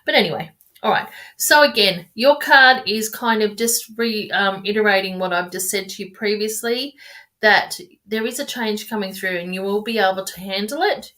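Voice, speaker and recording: Her voice is mid-range, pushed and bright, at a moderate pace. The woman chats affectionately with viewers during casual live-stream tarot readings, rambling and restarting sentences, recorded on a webcam or phone mic.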